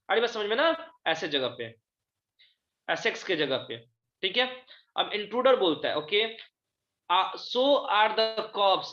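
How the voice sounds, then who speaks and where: Hindi-speaking teacher explaining a play. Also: male voice, high voice, pushed and bright. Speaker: English teacher. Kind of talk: online class lecture, reading a play aloud and explaining in Hindi. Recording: echoey room, dull lo-fi sound.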